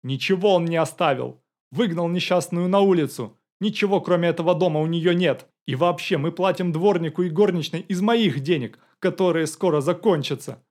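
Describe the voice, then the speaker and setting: A man's voice: on the high side, normal speed, hardly any pauses, a little mellow, voice pushed up, close to an everyday voice. A man reading an audiobook, voicing a nervous young man who whines and defends himself. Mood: indignant. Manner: whining, defensive. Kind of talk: audiobook character voice.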